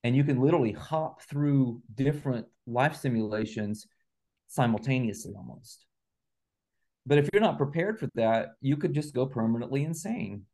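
Speaking at a normal speed, this man has a warm, medium-pitched voice and lively intonation. As a guest in an interview, he explains ideas in a reflective, conversational way, like an author talking about his work, leaning on analogies and examples.

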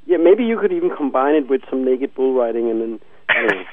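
A man's voice: mid-range voice, animated, fast, background noise. A man of forty co-hosting a casual chat, hesitant, repeating words and laughing often. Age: 40s. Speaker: podcast co-host. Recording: tinny phone-like line.

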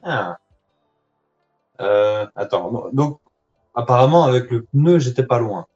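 A man's voice: medium pitch, expressive, slow pace, a little mellow. A man calling in over the phone to co-host a live web-radio guessing game, hesitant and thinking aloud with many fillers, his phone lying on his lap. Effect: heard over a phone line. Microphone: phone lying on his lap, away from his mouth. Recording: dull lo-fi phone line with faint music.

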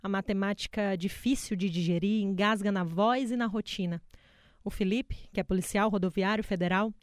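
Woman news reporter, solemn measured voice-over, dry sound. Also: mid-range voice, fairly even intonation, no echo. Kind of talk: scripted news narration.

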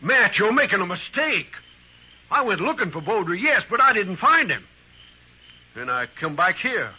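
A man's voice: high voice, sing-song, moderate pace, breathy edge, heavily acted. Troubled frontier townsman, muffled radio. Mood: alarmed, pleading. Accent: American. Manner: earnest, rustic speech. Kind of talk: old radio western acting. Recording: muffled, noisy vintage radio recording.

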